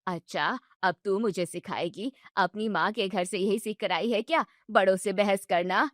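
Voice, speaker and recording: A woman's voice: mid-range voice, moderate pace, no room sound, clean studio sound, close to an everyday voice. A woman voicing a bossy mother-in-law who scolds her daughter-in-law sharply. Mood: scolding.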